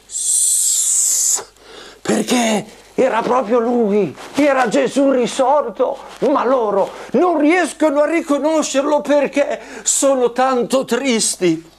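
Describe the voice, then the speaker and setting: A man in his sixties, a puppeteer, telling a story to children in an animated style. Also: extremely high pitch, slow pace. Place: small furnished room indoors.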